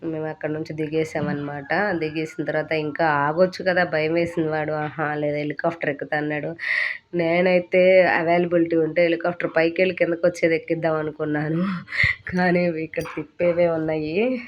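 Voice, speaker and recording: A woman's voice: low voice, flat delivery, fairly quick. A woman in her thirties, a mother narrating a family vlog voice-over in a chatty, amused storytelling way. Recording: dull lo-fi recording.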